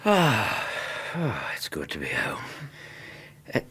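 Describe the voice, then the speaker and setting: A loyal gentleman doctor of Victorian England. His English-accented voice is low and husky with animated inflection, suited to radio drama scenes and storytelling alike. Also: takes it slowly, full character voice. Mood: tired, affectionate. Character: warm-hearted Victorian gentleman doctor, loyal male narrator-companion. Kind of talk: radio drama acting and narration.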